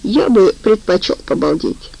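Woman reading as a sluggish young man with a soft Caucasian accent. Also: lowish voice, lively intonation, a little slow, vocal fry, full character voice, rough recording. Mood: languid. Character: drugged young man in a psychiatric ward, languid and self-satisfied.

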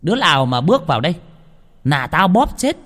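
A man's voice: a little high, huge pitch swings, normal speed, breathy edge, in a large hall, voice pushed up, heavily acted. A man voicing a middle-aged village woman possessed by a spirit, shrieking threats with contempt. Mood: savage, menacing.

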